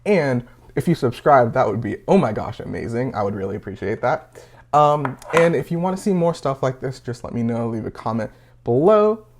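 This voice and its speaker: A man's voice: mid-range voice, lively intonation, normal speed, background noise. A nineteen-year-old man casually reviewing a pocket knife, rambling with lots of fillers and a little out of breath. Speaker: gear reviewer.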